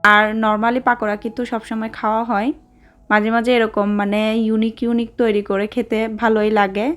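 A woman's voice: fairly high pitch, flat delivery, fairly quick, a bit bright, faint music behind. Chatty woman explaining a recipe. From Bangladesh. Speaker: vlogger. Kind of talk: casual vlog narration. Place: mall, indoors.

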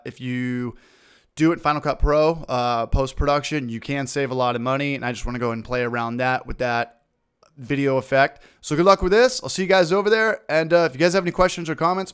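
A man hosting a screen-recorded software tutorial, upbeat and informal, talking through each click. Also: mid-range voice, clear, resonant tone. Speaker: video tutorial host.

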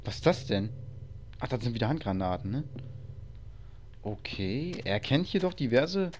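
A man's voice: medium pitch, big pitch swings, normal speed, a little mellow, slight background noise. A man casually commenting on a video game while he plays, thinking aloud and muttering to himself. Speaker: let's play host.

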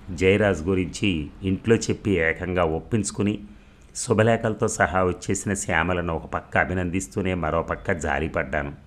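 A man reading a novel aloud as an audiobook storyteller, in a calm, measured way. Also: low-pitched.

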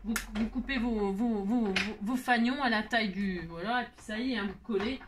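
Woman crafting host, tired, chatty and self-deprecating, slightly high voice, talks to the viewer. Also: fairly quick, background noise. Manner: chatty, self-mocking, addresses viewers directly. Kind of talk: casual crafting tutorial.

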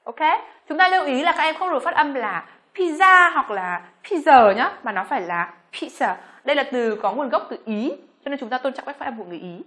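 A Vietnamese woman teaching English pronunciation, speaking slowly on her model words between quicker explanations. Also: high-pitched, expressive, pushed and bright. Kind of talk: pronunciation lesson.

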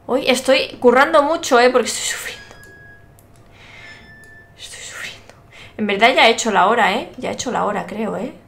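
A woman's voice: on the high side, fast, gravelly, a bit bright. A young woman from Spain streaming a horror game live, chatting to her viewers and startling easily into shrieks. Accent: Spain Spanish.

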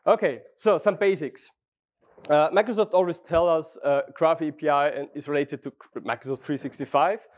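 A man from Austria speaks with a German accent, his voice sitting fairly high for a man. He gives a friendly, chatty technical talk in a large conference hall, restarting his sentences and throwing questions to the crowd. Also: moderate pace.

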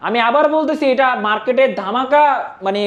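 A Bangladeshi salesperson giving a hard-sell promotional pitch for products in an insistent, repetitive, urging manner. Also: fairly quick, lo-fi sound. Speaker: phone shop salesperson.

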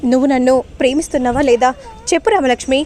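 Hurt young man demanding answers, read by a woman narrator in a high voice. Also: racing, darkish tone, slight background noise, close to an everyday voice. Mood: insistent. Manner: insistent, questioning.

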